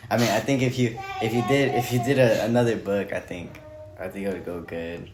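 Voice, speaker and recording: A man chiming in on a casual podcast, halting and restarting his sentences often. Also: on the low side, fairly even intonation, over music. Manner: halting, many restarts and fillers. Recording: echoey room with clear noise.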